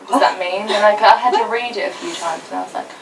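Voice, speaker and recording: A young woman co-hosting a casual video chat, telling a story with quick asides. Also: medium pitch. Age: young adult. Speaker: YouTube co-host. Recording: distant mic with faint noise.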